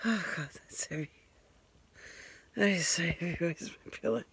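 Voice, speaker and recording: Speaking at a moderate pace in a husky, fairly low voice, this woman vlogger rambles to the camera at home and makes light of herself. It's a casual piece to camera, captured on a handheld phone.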